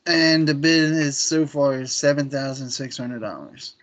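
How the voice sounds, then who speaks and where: A man's voice: mid-range voice, a little slow, fairly bright tone. A man in his thirties co-hosting a podcast, chatting casually and often trailing off mid-sentence. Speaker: podcast co-host. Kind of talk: casual chat.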